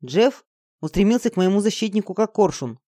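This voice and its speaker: A reader tells a fantasy story in an even, dramatic manner. The voice sits in a middle range. It is recorded dry and close, with no room sound. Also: medium pitch, brisk, no echo. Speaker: audiobook narrator. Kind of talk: fantasy audiobook narration.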